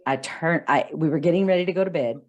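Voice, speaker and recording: A woman co-hosts a podcast in an easygoing, chatty way, her voice fairly low for a woman. She tells her stories with energy and acts out the lines she quotes. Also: quick pace, highs cut off. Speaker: podcast co-host. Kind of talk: casual chat.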